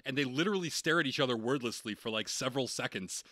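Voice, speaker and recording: A man with a bright, forceful voice trades wry, profane jokes about a film in casual podcast chat, chuckling as he goes. The sound is close and dry, with almost no room around it. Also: mid-range voice, fast talker, no echo. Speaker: podcast co-host.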